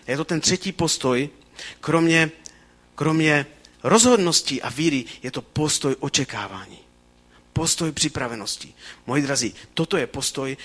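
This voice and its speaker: A man preaching a sermon in a fervent, animated way, often pausing with fillers and restarting his phrases. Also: fairly high pitch, husky.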